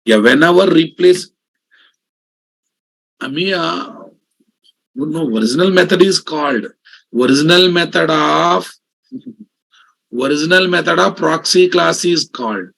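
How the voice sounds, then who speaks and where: A man with a Telugu Indian accent and a fairly high, gravelly voice teaches programming in a live online class. He drives points home emphatically, repeating sentences and often asking whether students follow. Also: unhurried, long pauses, fairly bright tone, rough recording. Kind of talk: live online coding lesson.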